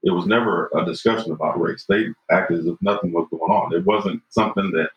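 Deep-voiced and brisk, this fifty-something podcast guest keeps a steady tone as he reflects earnestly. He leans on "you know" and "right?" again and again. It's a podcast conversation captured with roomy, dull lo-fi audio.

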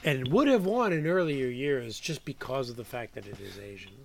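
A man's voice: mid-range voice, expressive, moderate pace, gravelly, crowd noise. A man co-hosting a casual movie-awards podcast, chatty, sometimes dropping into a mumble. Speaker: podcast co-host. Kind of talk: casual film-awards chat.

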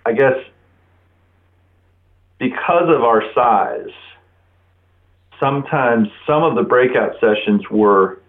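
A man's voice: medium pitch, lively intonation, slow pace, pauses often. Man chatting casually over a phone line. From Florida, United States. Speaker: interview guest. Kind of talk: casual chat. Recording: narrow-band telephone line.

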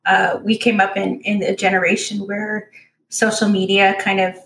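A woman in her forties from Orange County, co-hosting a podcast, telling stories in a halting, reflective casual chat. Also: mid-range voice, little pitch movement, a bit bright. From Orange County, California. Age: 40s. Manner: reflective storytelling, halting with fillers. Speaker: podcast co-host. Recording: roomy echo.

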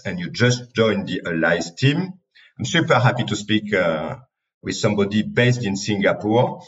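A man's voice: on the low side, dull audio. French-accented man hosting a podcast. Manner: upbeat, slightly non-native phrasing. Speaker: podcast host. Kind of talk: interview podcast.

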